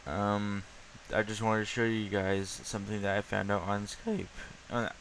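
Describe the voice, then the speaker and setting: A young man casually talking through things on his computer screen, rambling with lots of ums and pauses. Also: on the low side, monotone, fairly bright tone, a little hiss or hum, rough recording. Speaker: YouTuber showing his desktop. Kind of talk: casual screen-recording chat.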